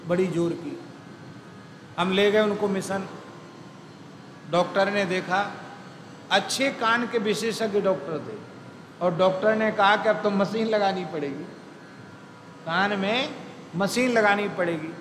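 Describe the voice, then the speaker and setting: A man's voice: high-pitched, slow, pauses often, a bit bright. A man giving a devotional discourse as a spiritual teacher, telling stories and repeating key phrases for emphasis. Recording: echoey hall with faint background noise.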